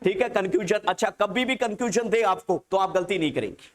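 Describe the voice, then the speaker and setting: A male teacher lecturing in a classroom. He says key terms slowly, again and again, so students can copy them down. Between terms he coaxes and checks on the class in a fond, fatherly way. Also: high voice. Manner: keeps checking that students have understood; calls students "child" in an affectionate, coaxing way. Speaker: nursing exam teacher.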